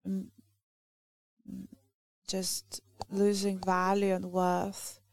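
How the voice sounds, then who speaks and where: A woman from Lithuania with a Lithuanian accent, a native Lithuanian speaker giving a halting church talk that searches for words. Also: medium pitch, completely flat delivery, darkish tone, no echo. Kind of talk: sermon.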